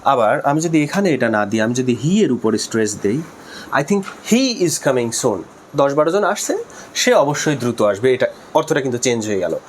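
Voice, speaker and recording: A man with a Bangladeshi accent who teaches a linguistics lesson, explaining slowly, repeating key terms, spelling words aloud and mixing in English terms. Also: medium pitch, very animated, slight background noise. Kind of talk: spoken lesson.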